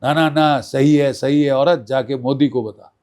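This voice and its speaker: A man quoting a ruthless gunman with curt, contemptuous commands, dropping to a low, quiet voice. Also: fairly even intonation, unhurried, close to an everyday voice. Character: cold ruthless male gunman.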